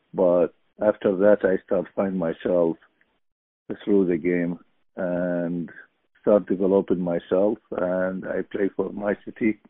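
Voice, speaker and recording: Middle-aged man, slow and halting, dry phone-line sound. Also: deep voice, no echo. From Iraq. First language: Arabic. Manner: halting, searching for words, many fillers. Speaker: podcast guest. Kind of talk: casual interview.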